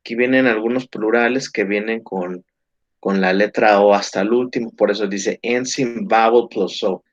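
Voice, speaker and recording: A man's voice: on the low side, steady tone, normal speed. A man teaching an English grammar lesson, explaining patiently with frequent check-ins to the class. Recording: dull, muffled lo-fi sound.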